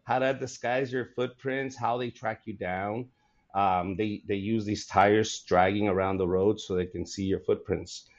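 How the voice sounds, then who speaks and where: A man in his forties, a comedian, chatting casually and telling stories in an animated, laughing way. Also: fairly low pitch, unhurried, dull audio. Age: 40s. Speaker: comedian guest. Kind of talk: casual podcast chat.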